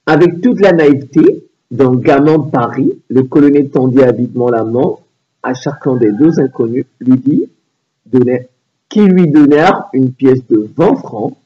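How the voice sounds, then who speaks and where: A man reading a literary passage aloud at a steady pace. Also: medium pitch, a little slow, slightly rough. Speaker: reader. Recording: dull lo-fi recording.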